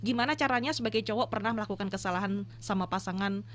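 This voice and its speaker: Indonesian woman, talk-show host, casual, keeps up steady backchannel murmurs. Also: mid-range voice, quick pace. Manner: frequent backchannel murmurs, reads viewer questions.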